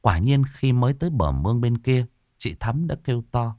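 A man narrating a ghost story in a dramatic, expressive storytelling voice, recorded close. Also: medium pitch, moderate pace, no room sound.

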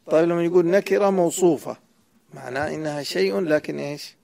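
A man with a slightly high, creaky voice of dark tone speaks at a quick pace. As a sheikh teaching Arabic grammar, he explains a grammar poem to a student, quizzing him and correcting his replies.

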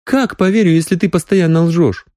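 A man's voice: a little high, normal speed, dark tone, no echo, studio quality, pitched above the performer's own voice, close to an everyday voice. Man doing an insistent young woman doctor. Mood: tearful. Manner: pleading, pressing. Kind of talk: audiobook character voicing.

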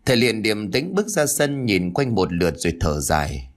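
Man, ghost story narration, dramatic, very varied pitch. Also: big pitch swings, moderate pace.

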